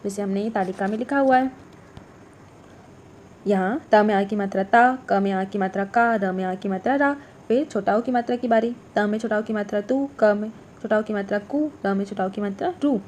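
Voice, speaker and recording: A woman teaching a workbook lesson to young children, slow and clear, repeating each letter and word. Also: medium pitch, darkish tone, a little hiss or hum.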